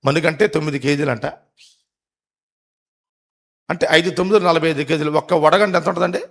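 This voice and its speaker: A man preaching a live sermon to a congregation, questioning the crowd, urging loud replies and rising to emphatic, drawn-out peaks. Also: a little high. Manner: rises to emphatic, drawn-out climaxes. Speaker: pastor. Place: church service before a congregation.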